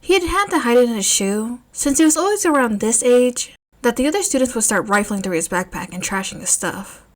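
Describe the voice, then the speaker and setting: A woman narrating a fanfiction story in an expressive, measured reading. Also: a little high.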